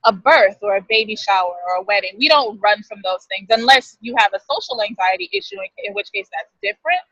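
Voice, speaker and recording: A woman's voice: fairly high pitch, lively intonation, brisk, vocal fry, pushed and bright, breathy edge, no room sound, dull audio. A woman in her thirties talking as an interview guest, chatty and thoughtful, often correcting herself mid-sentence. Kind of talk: casual interview talk.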